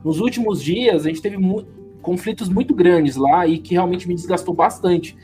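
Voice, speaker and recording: Man, higher voice, easygoing chat, faint music behind. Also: moderate pace, mellow. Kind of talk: casual chat.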